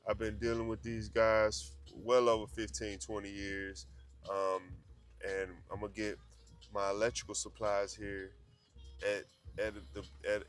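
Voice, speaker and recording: A man's voice: on the low side, a bit bright. A man in his fifties, a licensed electrical contractor, talking casually and earnestly to his viewers, repeating his points and calling them "man". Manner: earnest, repetitive, calls listeners "man". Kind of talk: casual vlog talk to camera.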